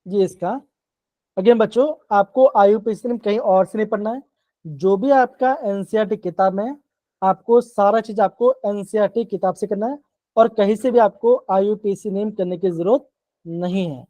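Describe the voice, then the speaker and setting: A man's voice: high voice, normal speed, dark tone, no echo. A man teaching chemistry in a live online class, explaining step by step, repeating himself and often checking that the students follow. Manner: coaxing, keeps checking in with the class.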